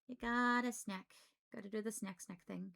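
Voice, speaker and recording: A woman's voice: mid-range voice, steady tone, moderate pace, gravelly, a bit bright. A woman livestreamer chatting casually in an informal, rambling way.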